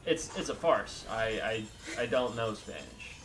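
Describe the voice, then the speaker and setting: Man co-host from Costa Rica, lively bright delivery, sarcastic jokes during gameplay. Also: fairly low pitch, unhurried. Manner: joking, sarcastic, laughs often. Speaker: co-host playing a video game. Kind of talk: casual couple chat while gaming.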